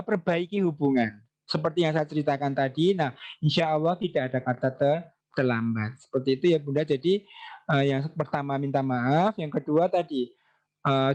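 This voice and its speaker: A man talking casually to parents in a question-and-answer session, reading out their questions and acting out everyday examples. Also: on the high side. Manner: lively, reads out questions and acts out examples.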